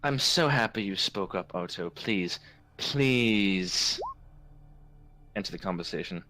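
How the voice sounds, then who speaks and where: A man's voice: low voice, animated, slow pace, pushed and bright, full character voice. A man voicing a haughty, cold noble official in a tabletop game who talks down to others with contempt. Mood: sarcastic. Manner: contemptuous, insulting tirade.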